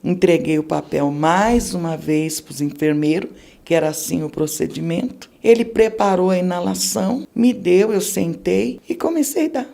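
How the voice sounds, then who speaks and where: A woman's voice: on the low side, normal speed, vocal fry, warm tone. A middle-aged woman with a Brazilian Portuguese accent gives an emotional religious testimony on a podcast, telling her story vividly and acting out the people in it. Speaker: podcast guest giving testimony.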